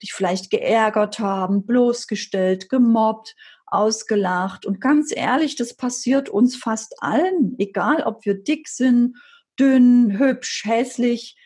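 A woman coach delivers a motivational podcast talk in a fairly high, husky voice with a mellow, dark tone. She asks questions and answers them herself, leaning on repetition with an emphatic, preaching cadence. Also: takes it slowly.

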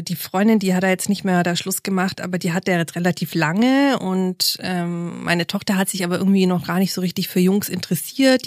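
A woman's voice: fairly low pitch, no echo, clean studio sound. A woman, chatting as a podcast guest and acting out dialogue with funny voices. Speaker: podcast guest, family therapist. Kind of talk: casual storytelling chat.

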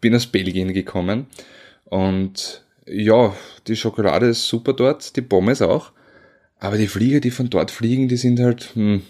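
A man, a car journalist chatting as co-host, relaxed and a bit hesitant. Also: lowish voice, measured pace. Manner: relaxed, tired, hesitant with fillers. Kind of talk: casual chat.

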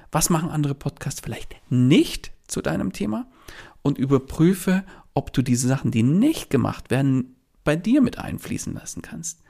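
A man's voice: a little high, creaky, darkish tone. A man hosting a solo podcast, telling a client story and coaching listeners directly in a chatty way, with many filler words. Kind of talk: solo podcast monologue with advice.

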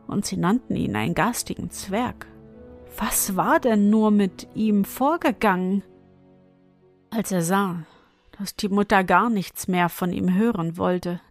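A woman reads a fairy tale aloud in a calm, measured voice. She takes her time over every phrase. Soft music plays faintly underneath. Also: mid-range voice. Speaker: storyteller.

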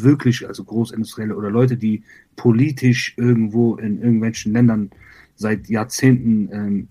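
A man from Iran with a husky, slightly breathy voice, answering interview questions. He talks in a halting, reflective way, circling back with fillers and repeated words. His voice sometimes drifts a little away from the mic. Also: lowish voice, warm tone. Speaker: rapper, interview guest. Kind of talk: conversational interview.

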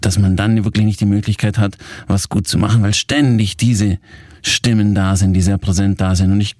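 A man's voice: on the low side, flat delivery, normal speed, darkish tone, no echo, clean studio sound. A man in his forties, a coach, speaking candidly and reflectively about his own experience in a casual motivational talk. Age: 40s.

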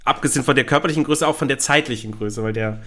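Measured man explaining on a podcast. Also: mid-range voice, pushed and bright. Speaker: podcast co-host. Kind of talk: casual podcast discussion.

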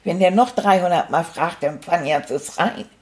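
A woman's voice: on the low side, normal speed, lightly acted. A woman voicing a cheerful, cheeky male stuffed toy rat, retelling events in a chatty, rambling, fond way. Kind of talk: first-person storytelling.

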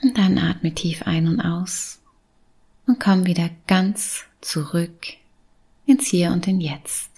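A woman guiding a meditation in a soft, breathy spa-like whisper, soothing and gentle. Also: lowish voice, takes it slowly. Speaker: meditation guide. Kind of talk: guided meditation.

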